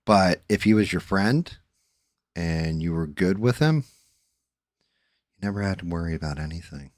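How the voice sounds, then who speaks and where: Chatting on his livestream while he paints and 3D prints, a man with a low, darkish voice sounds animated and keeps a moderate pace. He's blunt, swears liberally, and keeps restarting sentences. The audio is studio quality, free of echo.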